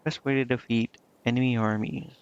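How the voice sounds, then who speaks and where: While game music plays in muffled lo-fi stream audio, a man speaks briskly in a clear, resonant, mid-range voice with fairly even intonation. His commentary is casual and informal; he reads aloud and keeps muttering to himself.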